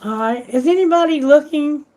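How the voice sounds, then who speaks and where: A woman's voice: sits high, normal speed, mellow, slight background noise, low-quality recording. A woman doing a live tarot reading, chatty and exclamatory, thinking aloud, and losing her voice. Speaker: tarot reader.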